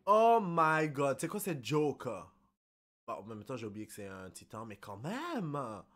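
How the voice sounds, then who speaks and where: A young man with a Québécois French accent giving casual reaction commentary, excitable and apologetic, blurting out English exclamations. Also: mid-range voice, measured pace. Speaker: anime reaction YouTuber.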